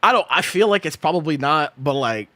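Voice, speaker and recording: A young male streamer in casual chat, bright and sharp-toned, with a bone-dry close sound. He reacts with disbelief, swears freely, repeats himself and keeps cracking up. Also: on the high side, animated, a little fast, no echo. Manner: incredulous, laughs often, swears, repeats himself.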